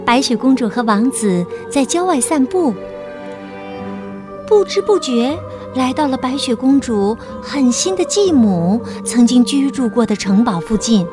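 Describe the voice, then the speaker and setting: Woman, children's storyteller, high voice, slow gentle reading, expressive, music behind. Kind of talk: scripted children's story narration. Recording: narration over loud music.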